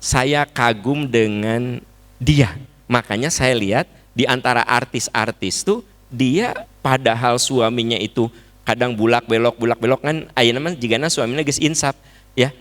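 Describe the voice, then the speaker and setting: Sundanese accent guy preaching, chatty and animated, voice jumps up and down, lots of rhetorical questions. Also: mid-range voice, a little slow. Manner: lively, acts out quoted dialogue, swings between hushed and raised voice; mixes colloquial asides and rhetorical questions. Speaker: Islamic preacher. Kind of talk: religious lecture to a congregation.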